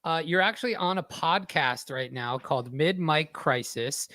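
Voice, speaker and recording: A man's voice: on the high side, moderate pace, sharp tone, no room sound, studio quality. A man co-hosting a podcast in casual chat, laid-back, with many fillers. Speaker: podcast co-host. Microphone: headphones and podcast mic.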